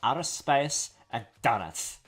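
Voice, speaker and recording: A man's voice: medium pitch, lively intonation, takes it slowly, husky, exaggerated voice. A man reading aloud the lines of an upbeat teenage girl athlete from a game's dialogue. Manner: reading game dialogue aloud, slightly louder.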